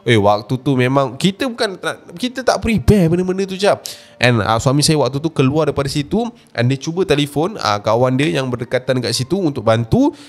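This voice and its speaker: A man's voice: medium pitch, sing-song, fairly quick. A man with a Malaysian Malay accent, retelling a horror story in the first person, casual and speaking straight to the listener. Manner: casual, addresses the listener directly.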